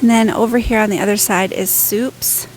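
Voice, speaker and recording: A woman's voice: medium pitch, fairly even intonation, moderate pace, faint music behind, rough recording. A woman narrating a casual shopping and cooking vlog in a chatty, upbeat way, thinking aloud as she goes. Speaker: home cook and shopping vlogger.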